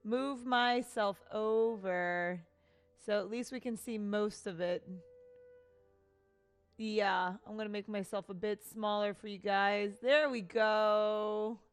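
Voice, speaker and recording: A woman's voice: mid-range voice, smooth. A woman hosting a casual let's play, chatting in a self-deprecating, apologetic way into a close microphone. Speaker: gaming video host. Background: faint game music.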